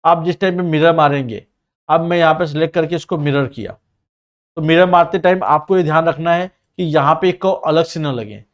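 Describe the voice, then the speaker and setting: A man with a slightly high voice and a Mumbai Hindi accent narrates a screen-recorded tutorial, guiding students through designing a ring in CAD software. He describes every click and command plainly and directly, and mentions that he sometimes talks fast.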